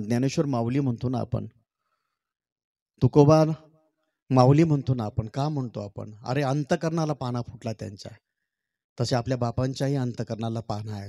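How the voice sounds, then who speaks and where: A man's voice: mid-range voice, dry recording. Dry-voiced male poet singing and chatting on stage. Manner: sings poem refrains slowly and loudly, then talks warmly and chattily to the crowd. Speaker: poet performing for an audience. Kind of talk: stage poetry recital with talk to the crowd. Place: stage at a public event.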